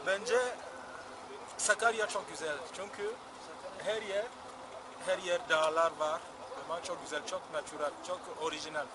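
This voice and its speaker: A man's voice: a little high, fairly even intonation, moderate pace. A man from Gabon with a Gabonese accent, giving short, simple interview answers in a second language. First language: not Turkish, a learner. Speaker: student interviewee. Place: outdoors in a town square. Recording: very noisy outdoor street recording.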